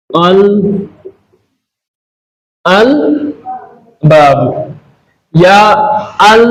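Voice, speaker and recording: High-voiced, slow-paced man teaching a class. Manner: asks the class questions and answers them himself; mixes English phrases into explanation. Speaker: Arabic teacher. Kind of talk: classroom lesson at a whiteboard. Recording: echoey classroom with faint background noise.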